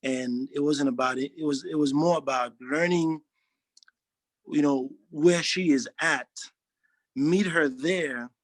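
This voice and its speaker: Recorded dry, a man with a fairly high pitch gives an earnest, halting testimonial interview, often beginning his sentences again. He is a Haitian social worker in his 40s.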